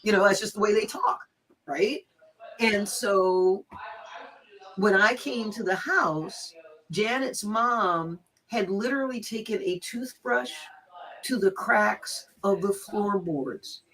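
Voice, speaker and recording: A woman's voice: mid-range voice, slow pace. American woman, middle-aged, from los angeles, candid storytelling, blunt, swears, acts out voices. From Los Angeles, USA. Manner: animated, blunt, swears freely, acts out quotes. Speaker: guest teacher telling stories.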